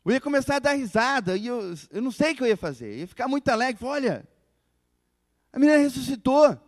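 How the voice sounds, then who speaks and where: High-pitched animated male preacher. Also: quick pace, no echo, big-room sound. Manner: animated storytelling, acts out quoted voices. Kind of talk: sermon. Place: church.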